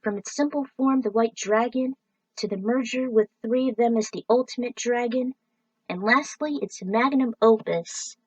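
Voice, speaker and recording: A woman's voice: on the high side, normal speed, darkish tone, dry recording, far from the mic, rough recording. A woman reading her own fan fiction aloud, breaking off for enthusiastic, chatty asides. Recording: dry voice set back from the mic.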